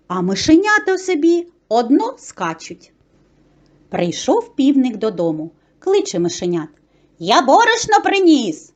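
A woman telling a fairy tale for children in an expressive, sing-song manner. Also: sits high, muffled recording. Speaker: storyteller.

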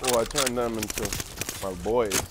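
A man's voice: medium pitch, steady tone, normal speed. A man gaming and giving casual commentary as he plays. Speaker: gamer. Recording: loud gunfire and game noise behind. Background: video game gunfire.

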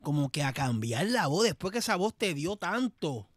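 A young Puerto Rican man hosts a laid-back podcast and jokes in heavy street slang. His voice sits a little high. The sound is close and dry. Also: normal speed, dry recording. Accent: Puerto Rican Spanish. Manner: slangy, animated and joking. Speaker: podcast host. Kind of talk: casual chat.

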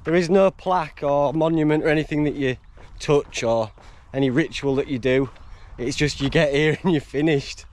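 Out on a long hike across a country road and moorland, a man vlogs into a camera held at arm's length, offering casual chat and a map recap. His fairly high voice moves at a moderate pace, tired and rambling, with frequent laughter.

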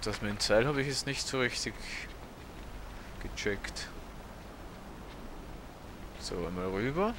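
A man's voice: mid-range voice, lively intonation, takes it slowly, pauses often, background noise. A man, casually commentating a video game as a let's play host, hesitant and full of fillers. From Austria. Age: 30s. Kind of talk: gameplay commentary.

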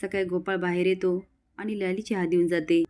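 A woman narrating a recap of a story episode, retelling it lively with quoted dialogue. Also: fairly low pitch, moderate pace.

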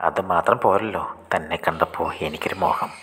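A man voicing a sly, corrupt male head clerk who talks in a hushed, mocking way. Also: low voice, a little fast, big-room sound, a little hiss or hum.

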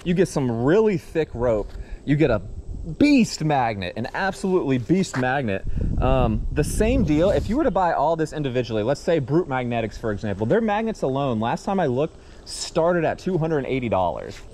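A man vlogging from a bridge over a swamp on a head-mounted camera, chatting excitedly with viewers he calls y'all. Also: medium pitch, moderate pace. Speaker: magnet fishing vlogger. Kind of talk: casual outdoor vlog commentary. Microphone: head-mounted action camera. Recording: faint outdoor noise.

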